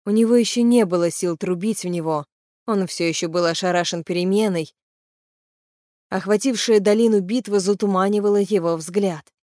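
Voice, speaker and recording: A woman narrates a fantasy audiobook in a steady, even voice of middle pitch. The recording is dry and close, with no room sound around her. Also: normal speed, dry recording. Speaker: audiobook reader. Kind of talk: scripted narration of a fantasy novel.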